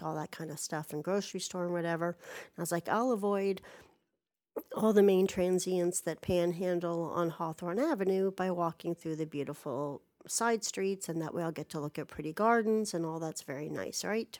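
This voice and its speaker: A woman's voice: lowish voice, darkish tone. A woman casually telling a personal story, rambling and exasperated, swearing freely.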